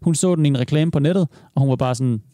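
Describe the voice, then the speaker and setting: A man's voice: a little high, warm tone, no room sound, studio quality. A man in his thirties hosting a casual chat, leading the talk and explaining at length with fillers. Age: 30s. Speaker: host.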